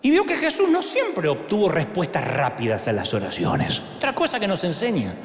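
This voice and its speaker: A middle-aged man with an Argentine Spanish accent preaching a sermon, theatrical, acting out quotes and shouting for emphasis. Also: high voice, huge pitch swings, normal speed. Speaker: pastor. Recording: echoey hall with long reverb.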